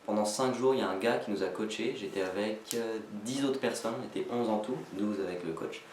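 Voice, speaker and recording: A man talking casually to viewers in a vlog, rambling, halting and self-deprecating. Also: fairly low pitch, darkish tone. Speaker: amateur sketch writer introducing own video. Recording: echoey, slightly noisy, distant microphone.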